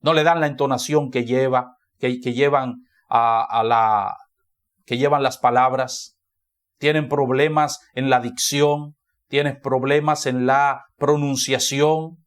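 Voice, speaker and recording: A man's voice: mid-range voice, fairly even intonation, slow, smooth. Man, pastor, Dominican Spanish accent, church sermon, emphatic, repeats phrases for stress.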